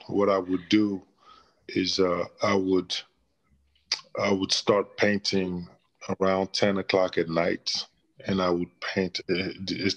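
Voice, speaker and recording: In a small, plain indoor room, a middle-aged man from the DR Congo, a painter and former basketball player, answers interview questions thoughtfully, restarting often. His voice sits low, and the audio is poor.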